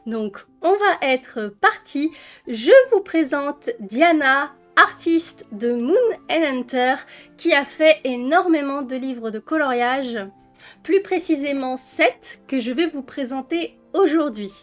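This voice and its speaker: A French woman casually presenting coloring books in a chatty vlog, with many fillers and fond little words. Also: sits high. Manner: chatty, with frequent fillers and diminutives. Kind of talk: casual flip-through vlog.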